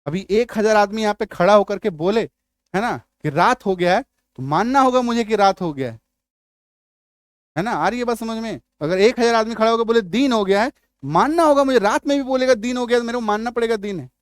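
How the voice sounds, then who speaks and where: A man teaching English spelling, drawing out example words slowly and often checking that his students follow. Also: high-pitched, lively intonation, no room sound, clean studio sound. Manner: repeats checks like "आ रही बात समझ में?". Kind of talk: spelling lesson.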